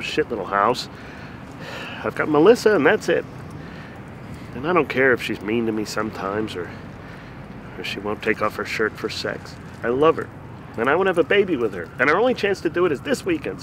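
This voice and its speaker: A man's voice: mid-range voice, big pitch swings, brisk, pauses often, fairly bright tone, a little hiss or hum. An actor playing a frantic, desperate husband who pleads with his friend for help. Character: desperate husband, middle-aged man.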